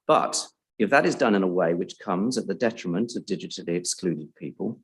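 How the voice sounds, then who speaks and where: A man giving a measured, formal prepared speech at a public event, introducing a report. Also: low voice, animated, husky, poor audio.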